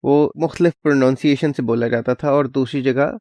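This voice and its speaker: This channel host speaks in a mellow, medium-pitched voice with fairly even intonation, casually explaining a clip in everyday language and slipping in English words. No room sound is audible.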